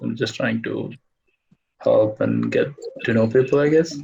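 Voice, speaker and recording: A man from India, a software engineer, chatting on a video call in a hesitant, rambling way. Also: mid-range voice, unhurried, vocal fry. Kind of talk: casual chat on video call. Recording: dull lo-fi call audio with faint noise.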